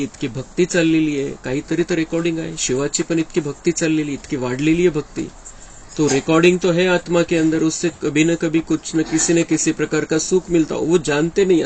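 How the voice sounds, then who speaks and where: A man's voice: on the high side, darkish tone, slight background noise, poor audio. Earnest man giving a devotional discourse. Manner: earnest, explanatory, quotes the teacher often. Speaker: spiritual speaker explaining a daily discourse. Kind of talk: devotional discourse, mixing reading and explanation.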